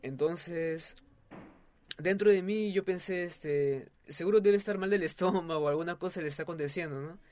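A man's voice: a little high, moderate pace, a little mellow. Hesitant man telling a personal story. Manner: hesitant, many fillers and restarts. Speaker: interviewee. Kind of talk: testimony in a casual interview.

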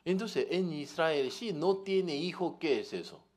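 A man preaching a sermon, often asking the congregation questions and telling lively everyday stories. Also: fairly high pitch, measured pace. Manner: questioning the audience, animated storytelling.

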